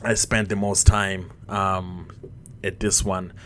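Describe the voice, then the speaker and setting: A man in his twenties, born in Rwanda and raised in Mozambique, hosting a casual solo podcast, halting with many fillers and restarts. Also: deep voice, little pitch movement, a little hiss or hum. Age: 20s. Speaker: podcast host. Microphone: headphones on, podcast mic.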